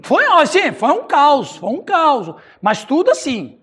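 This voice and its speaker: A Brazilian male pastor telling a story in a Bible study, animated and laughing, acting out dialogue. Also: very high-pitched, measured pace.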